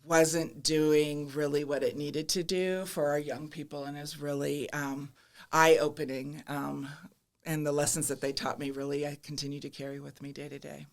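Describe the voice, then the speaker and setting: With a low voice that stays level and a moderate pace, this government commissioner talks as a podcast guest in a conversational interview. She is a middle-aged American woman from the Midwest (Minnesota, Iowa), and her answers are candid, reflective, and lightly self-mocking.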